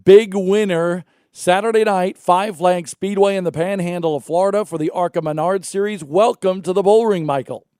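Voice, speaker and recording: Male morning show host, chatty and teasing, slightly high voice with a dry studio sound. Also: moderate pace, few pauses, mellow, clean tone, no room sound. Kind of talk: casual morning show chat.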